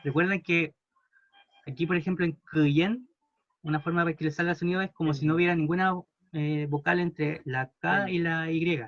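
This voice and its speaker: Man, teacher, slightly high voice, patient, repeats words slowly, muffled lo-fi recording. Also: steady tone, fairly bright tone, no room sound. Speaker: language teacher. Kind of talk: classroom pronunciation lesson.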